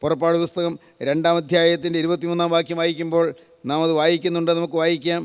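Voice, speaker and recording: Older man preaching, smooth clear voice, steady flat delivery, repeating phrases, reverberant hall. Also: a little high, quick pace. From Kerala, India. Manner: solemn, repetitive, builds lists of parallel phrases. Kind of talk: sermon.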